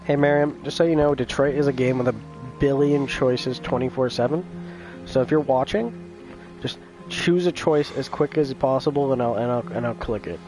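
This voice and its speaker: A male game streamer talks casually over live gameplay. His voice sits at a medium pitch, and music plays faintly behind him. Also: normal speed, poor audio.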